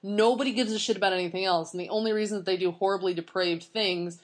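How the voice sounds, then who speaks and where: A woman's voice: medium pitch, steady tone, fast talker. A woman casually discussing a film and its book with a co-host, blunt and opinionated, swearing freely. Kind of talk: casual movie review chat.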